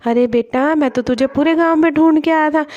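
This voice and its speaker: A woman's voice: sits high, fairly quick, a little mellow, highs cut off, natural voice. A woman voicing a young village husband, the son of the family, speaking in a plain, agreeable way.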